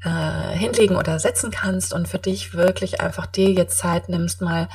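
A woman's voice: on the low side, steady tone, normal speed, vocal fry, a little mellow, breathy edge, far from the mic. A woman hosting a podcast, giving an encouraging self-help monologue straight to the listener, emphatically rephrasing her key points. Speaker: podcast host.

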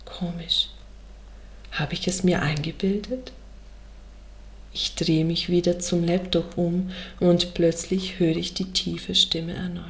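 A woman reading her own book aloud in the first person on a podcast, soft and intimate, often dropping to a half whisper. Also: fairly low pitch, little pitch movement, slow.

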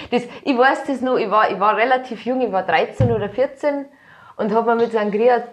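A woman hosts a relaxed talk. She answers her guest with quick, warm reactions and tells her own stories. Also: a little high. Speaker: host. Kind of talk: casual podcast chat.

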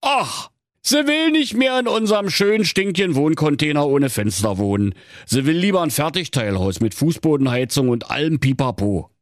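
A man's voice: fairly high pitch, animated, normal speed, no echo, clean studio sound, voice pushed up, lightly acted. A man voicing a good-natured, henpecked excavator driver who pleads and grumbles about his wife. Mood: explaining. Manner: pleading, exasperated, rhyming chants. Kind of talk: comic fairy tale reading.

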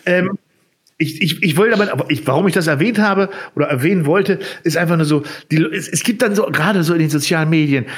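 A man's voice: on the high side, quick pace. A man from Germany co-hosting a casual cooking podcast, explaining things step by step with lots of fillers. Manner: explains with figures, many fillers. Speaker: podcast co-host.

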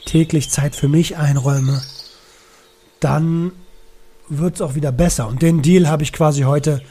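A man's voice: a little high, fairly even intonation, measured pace, warm tone. A man talking candidly and reflectively in a casual personal vlog, using slangy, informal speech.

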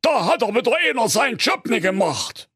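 A high, husky Saxon dimwit brother. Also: male voice, big pitch swings, a little fast, fairly bright tone, no echo, studio quality, exaggerated voice. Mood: indignant. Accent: Saxon German. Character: bumbling middle-aged male fairy-tale brother, slow-witted. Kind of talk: comic audio storytelling.

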